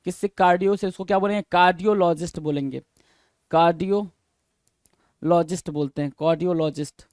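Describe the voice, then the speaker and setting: High-voiced man teaching vocabulary. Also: fairly even intonation, a little mellow, no room sound. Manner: quizzes students with repeated questions, spells words letter by letter; reads English definitions slowly, then explains in Hindi. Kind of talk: exam-prep vocabulary lesson.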